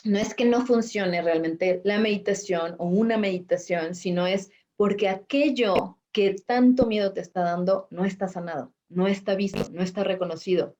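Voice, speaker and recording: A woman's voice: mid-range voice, normal speed, few pauses, mellow. A woman life coach hosting a reflective spiritual conversation, explaining patiently and acting out quoted thoughts with a rising voice.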